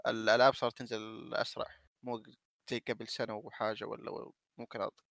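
A man's voice: medium pitch, flat delivery, fast talker, creaky, a bit bright, no echo. A man, co-hosting a casual chat about video games and dropping in the odd English word. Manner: drops occasional English words into Arabic. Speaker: gaming show co-host.

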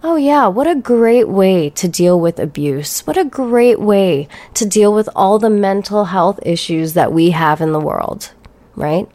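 A woman's voice: mid-range voice, lively intonation, measured pace, warm tone. A woman hosting a solo podcast, talking in a blunt, profane, ranting and sarcastic way. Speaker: podcast host.

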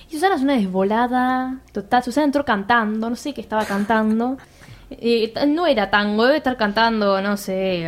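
A young woman with a Rioplatense Argentine accent telling a story to her friends in casual chat, slangy and animated, laughing often and acting out the voices of the people in it. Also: fairly high pitch. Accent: Rioplatense Argentine Spanish.

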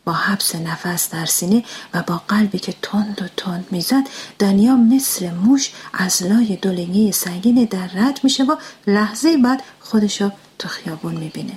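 A woman reading a short story aloud, often in a hushed, whispered voice. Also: mid-range voice, breathy edge. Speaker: narrator. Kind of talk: storybook narration.

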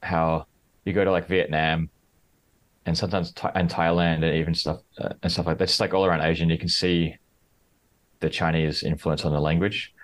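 A man with a low, level voice speaks briskly as a podcast guest in a casual interview chat. He talks in a relaxed but hesitant way, filling his speech with "like" and restarts.

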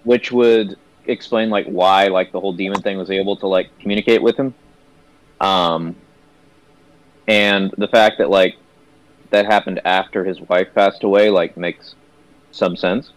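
A man's voice: low-pitched, fairly even intonation, a little slow, no room sound, rough recording. A young man co-hosting a movie review chat, rambling with many fillers and restarts. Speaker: movie review podcast co-host. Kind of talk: casual chat.

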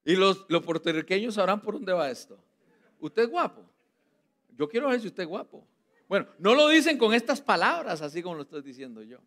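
A man with a Costa Rican accent preaching a lively sermon, playful and teasing with his congregation. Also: high-pitched, brisk. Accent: Costa Rican Spanish. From Costa Rica.

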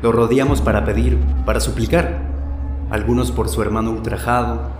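A man playing a haunted blind witness, telling his memory in a slow, grim way. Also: medium pitch, steady tone, close to an everyday voice. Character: haunted blind male witness, grave, middle-aged. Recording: roomy echo with loud music.

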